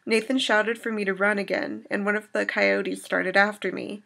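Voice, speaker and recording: Woman reading as a shaken survivor, gravelly. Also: mid-range voice, flat delivery, moderate pace, pushed and bright. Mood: grieving. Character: shaken young woman survivor recounting an attack.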